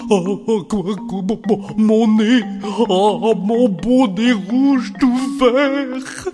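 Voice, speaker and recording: A man's voice: high voice, very slow, warm tone, faint music behind, voice pushed up. A man voicing a sick young reindeer who stammers and whimpers in a storybook reading. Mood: tearful.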